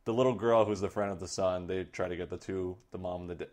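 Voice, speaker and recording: A man's voice: low voice, fairly even intonation, quick pace, a little mellow. A man hosting a podcast who recaps a movie in casual, rambling chat full of fillers. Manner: rambling, loose storytelling with many fillers. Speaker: podcast host.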